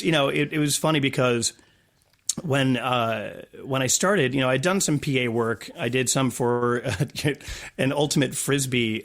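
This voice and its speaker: A man with a mid-range, slightly bright voice appears as an interview guest; he works as a stadium PA announcer. He tells stories in a casual, playful way, joking as he goes.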